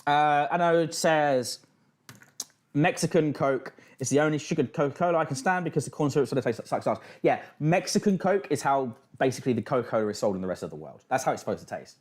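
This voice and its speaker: A man's voice: on the high side, quick pace. A man hosting a livestream with casual reaction commentary, speaking in a sardonic, blunt way with plenty of swearing. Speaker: livestream host.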